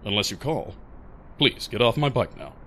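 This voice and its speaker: A solemn, formal big outlaw. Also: male voice, fairly low pitch, lively intonation, sharp tone, a little hiss or hum. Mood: stoic, quietly wounded. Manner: formal, stilted, deliberate phrasing without contractions. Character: big, solemn, stoic male biker outlaw, secretly tender. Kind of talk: audio drama acting.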